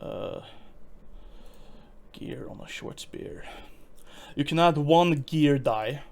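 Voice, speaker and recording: A man acting as game master for a tabletop game, his voice sitting a little high. He explains rules in a loose, halting way, stumbling over restarts and breaking into chuckles. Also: gravelly, a little mellow, slight background noise. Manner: hesitant, many fillers and restarts, chuckling.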